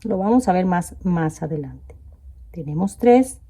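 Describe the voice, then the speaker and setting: A woman's voice: fairly low pitch, lively intonation, unhurried, dark tone, breathy edge. A woman teaching a crochet tutorial step by step, counting stitches aloud and checking in with viewers. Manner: addresses viewers directly with "¿ven?". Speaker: crochet instructor.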